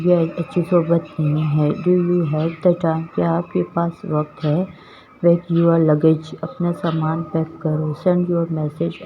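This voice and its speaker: A woman teaching English, reading short sentences slowly and deliberately, each followed by its translation. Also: deep voice. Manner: slow, deliberate, each English phrase drawn out. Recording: tinny phone-like sound with faint noise.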